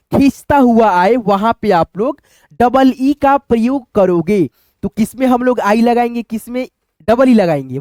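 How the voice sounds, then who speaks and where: A man's voice: sits high, darkish tone, dry recording, studio quality. A man teaching a basic spelling lesson, calling his viewers friends and stretching out words as he sounds them out. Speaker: English teacher. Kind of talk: chalkboard-style lesson explaining spelling.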